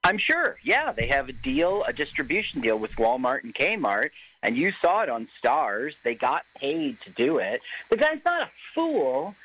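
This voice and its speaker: A man's voice: mid-range voice, very animated, normal speed, sharp tone, low-quality recording. A man co-hosting a casual film commentary, talking in an opinionated, analytical way.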